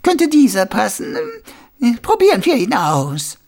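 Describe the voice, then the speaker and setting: A man's voice: sits high, wildly swooping pitch, a little slow, gravelly, a little mellow, voice pushed up, exaggerated voice. A man voicing a tiny, doll-like old woman shopkeeper who stammers and fumbles through her words. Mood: flustered. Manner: hesitant, stammering with many ums.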